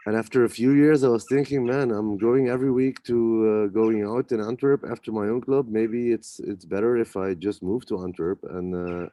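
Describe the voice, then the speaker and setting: A man, a club promoter, answering interview questions in a relaxed way with many pauses and restarts. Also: on the low side, no room sound. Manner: hesitant, many fillers and restarts. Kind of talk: casual interview talk.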